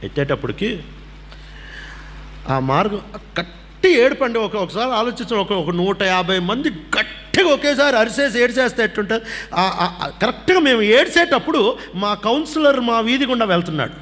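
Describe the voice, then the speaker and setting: Guy preaching his testimony in a big echoey church hall, voice on the higher side, acts out the dialogue, faint hum behind. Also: moderate pace. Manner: animated storyteller, acts out dialogue, pitch swings widely. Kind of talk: sermon testimony storytelling. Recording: long hall reverb with faint background hum.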